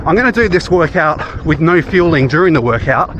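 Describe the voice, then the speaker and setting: Higher-voiced Australian man, noisy outdoor vlog. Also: expressive, a little fast, dull audio. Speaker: running vlogger. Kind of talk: casual vlog talk. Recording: clear outdoor background noise.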